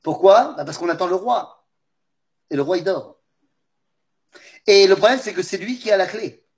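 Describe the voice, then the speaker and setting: A man teaching a religious class, telling a story in an animated way and speaking straight to his listeners. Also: high-pitched, normal speed. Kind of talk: lively storytelling lesson.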